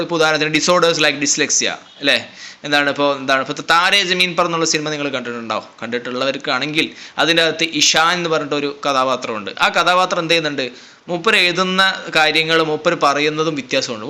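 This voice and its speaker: A man tutors his students at a fast clip. His voice sits a little high and is bright and forceful. He keeps asking questions and then answers them himself. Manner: reads English lines slowly then explains. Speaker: English tutor. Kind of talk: lecture to students.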